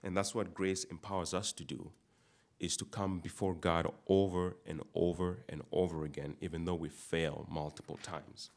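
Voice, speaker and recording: A man from Uganda delivers a sermon in a very deep, low voice. He often repeats words and restarts phrases to press his points home. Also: level tone, moderate pace, creaky, darkish tone. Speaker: preacher.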